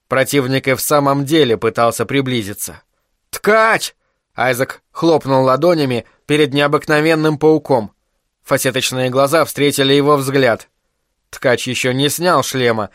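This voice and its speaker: A man reading an audiobook in a steady, even narration. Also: mid-range voice, dry recording, studio quality. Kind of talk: scripted narration.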